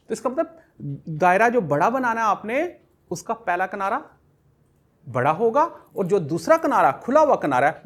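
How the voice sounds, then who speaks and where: A male teacher gives a slow, patient writing lesson for very young children, walking them through every stroke of the pen. His voice rises and falls in a lively, sing-song way, and he says each letter sound over and over. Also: high voice. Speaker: kindergarten teacher.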